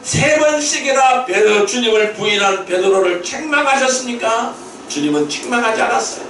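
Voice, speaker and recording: A man pastor delivering a Sunday sermon, emphatic, asking rhetorical questions and rising to shouted peaks, recorded in a church sanctuary. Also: extremely high pitch, a little hiss or hum. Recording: very echoey hall, mic at a distance.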